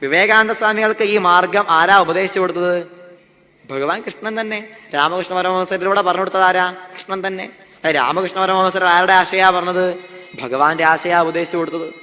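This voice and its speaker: A man with a fairly high, bright and forceful voice gives a devotional discourse. He keeps asking his listeners questions and answering them himself. His voice rings with long reverb in a festival hall. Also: fairly even intonation, moderate pace, faint music behind. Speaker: Bhagavatam speaker.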